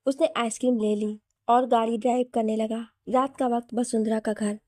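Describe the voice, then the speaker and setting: Woman storyteller, mellow and dry. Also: on the high side, little pitch movement, normal speed, no echo. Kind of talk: scripted story narration.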